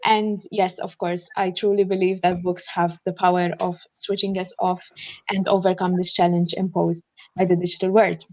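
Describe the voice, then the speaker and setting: On a video call from her shared flat, a young woman with a Maltese accent reads out notes for an online student panel, earnestly thinking aloud with frequent fillers. She speaks at a normal speed in a fairly low, darkish voice with little pitch movement. The computer mic makes the recording dry and muffled.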